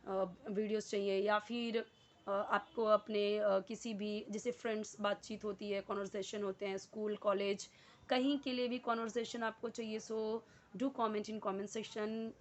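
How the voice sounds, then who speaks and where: A woman's voice: mid-range voice, level tone, unhurried. A woman teaching English in Hindi, explaining sentences step by step and repeating key words with frequent fillers. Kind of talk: casual Hindi English lesson.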